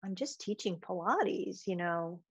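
A woman with a somewhat low voice talks slowly as a podcast guest, telling stories about teaching. Her manner is thoughtful and she laughs easily. The recording is dry and a little dull. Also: expressive, vocal fry, breathy edge, no room sound. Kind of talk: casual interview chat.

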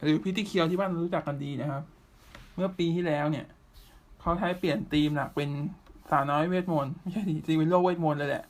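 A man hosting a podcast, chatting casually through anime news and often pausing with drawn-out fillers. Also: a little high. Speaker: podcast host.

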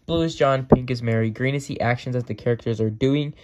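A man's voice: medium pitch, a little fast, a little mellow, highs cut off, a little hiss or hum. A man talking casually to the camera about his script and reading it aloud, hesitant, with many fillers and restarts. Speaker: amateur scriptwriter.

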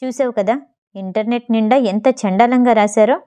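Woman voicing a calm teasing rich man. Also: fairly high pitch, moderate pace, close to an everyday voice. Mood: assured. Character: calm wealthy middle-aged man, gently teasing.

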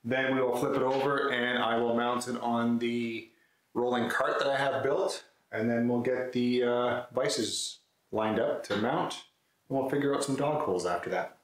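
At normal speed and in a steady, mid-range voice, a man in his thirties who hosts woodworking videos gives a casual, matter-of-fact rundown of a hands-on build to camera. He's indoors in a concrete-floored garage workshop, heard through a camera mic a few metres away amid echo and faint background noise.

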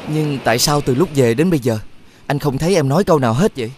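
An actor voicing a caring eldest prince brother in a cartoon, who speaks gently and reassuringly. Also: male voice, medium pitch, expressive, quick pace, soft background music, close to an everyday voice.

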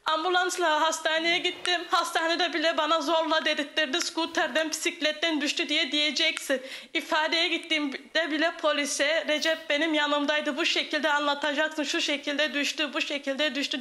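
A high, sharp-toned woman recounts events in a halting, flat-pitched way. She repeats "I said" between the quoted lines as she tells her account. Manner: halting, quoting others at length. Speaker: guest giving a statement on live TV. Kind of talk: emotional testimony.

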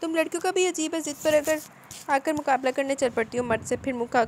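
एक औरत कहानी में एक ताना मारते, बेरहम जवान आदमी की भूमिका पढ़ रही है।. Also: female voice, high-pitched, quick pace, a little hiss or hum, pitched above the performer's own voice, close to an everyday voice. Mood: mocking. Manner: taunting, laughing. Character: mocking young man, cruel and smug.

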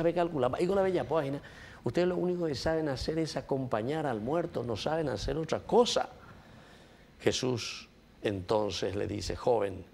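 Paraguayan priest, man, homily delivery, rough low voice, mixes in Guaraní, builds to loud emphatic peaks. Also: a little hiss or hum. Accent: Paraguayan Spanish. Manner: switches into Guaraní phrases; repetitive, emphatic preaching with sudden loud rises. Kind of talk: sermon.

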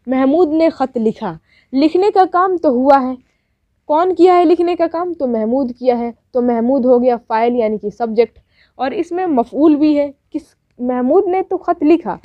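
A woman's voice: high-pitched, expressive, normal speed, no room sound. A woman teacher giving a grammar lesson, asking questions and answering them herself, with lots of repetition. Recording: dull, dry lo-fi sound.

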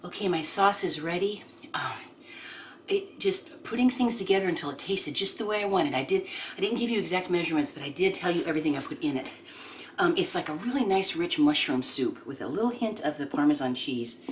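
Older woman, low voice, home cooking chat, noisy kitchen with clinking pans. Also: expressive, brisk. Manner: chatty, homey, thinks aloud with many ums. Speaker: home cooking channel host. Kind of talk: casual cooking demonstration. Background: clinking dishes and pans.

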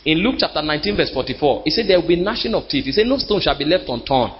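Emphatic preacher in a reverberant hall. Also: male voice, on the high side, very animated, a little hiss or hum. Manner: emphatic, rises to shouts and drops to slow drawn-out words. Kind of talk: sermon. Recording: muffled live recording in a reverberant hall.

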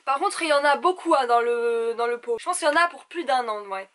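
A young woman with a high voice, gossiping to the camera like she would with her girlfriends. Her delivery is animated and theatrical, in a casual vlog chat style. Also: fast talker. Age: young adult. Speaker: beauty vlogger. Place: small indoor room at home.

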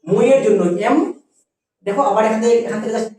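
A teacher giving a spelling and pronunciation lesson, patient and repeating words slowly for students. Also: medium pitch, warm tone, very echoey, far from the mic, poor audio.

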